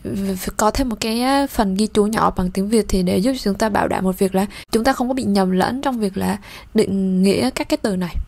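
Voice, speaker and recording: A woman teaching a language lesson, slowly pronouncing French vocabulary and then explaining it in plain, steady talk. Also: mid-range voice, gravelly, a little hiss or hum.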